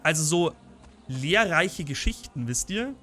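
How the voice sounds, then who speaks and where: A man's voice: a little high, lively intonation, a little slow, sharp tone. A man hosting a let's play, casually commenting and reading long in-game texts aloud with dry asides. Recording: faint game music behind.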